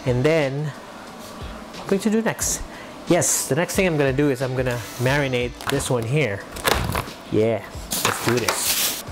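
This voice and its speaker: This young man from the Philippines cooks in his own kitchen and talks easily to the camera, his mid-range voice measured in pace, with music playing underneath. As a vlogger with a Filipino accent, he keeps the chat light and slips in jokes.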